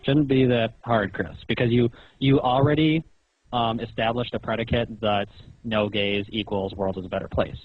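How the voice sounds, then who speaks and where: Muffled, roomy audio captures a recorded telephone call in which a male caller of medium pitch speaks at a moderate pace with a steady tone. His questioning is pointed, and he explains in an insistent, lecturing way.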